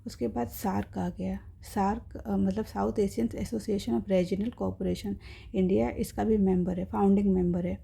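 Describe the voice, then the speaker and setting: A woman's voice: medium pitch, steady tone, normal speed, gravelly, mellow, slight background noise. A woman teaching an exam-prep lesson, explaining step by step in Hindi with English terms and checking in with her viewers.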